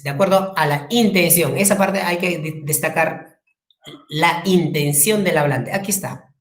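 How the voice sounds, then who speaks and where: Man, language teacher, classroom lecture, repeats and spells out terms, asks the class rhetorical questions, echoey room. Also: high-pitched.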